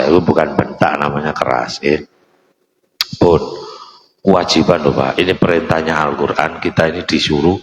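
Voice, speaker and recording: A man's voice: extremely low pitch, fairly bright tone, slight background noise. An older man preaching a sermon with a Javanese accent, mixing Arabic recitation with chatty asides to the congregation. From Indonesia. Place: mosque hall. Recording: echoey mosque hall.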